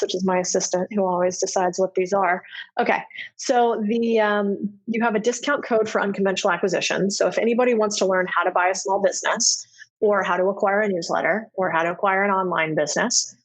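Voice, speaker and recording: Woman guest on a podcast, mid pitch, breezy and chatty, kinda scattered. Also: poor audio. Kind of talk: casual interview chat.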